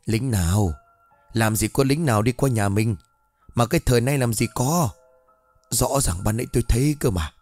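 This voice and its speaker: A man voicing an agitated old village man who sees spirits, shouting in anger as he reads a ghost story. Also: mid-range voice, normal speed, faint music behind, natural voice. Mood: bewildered.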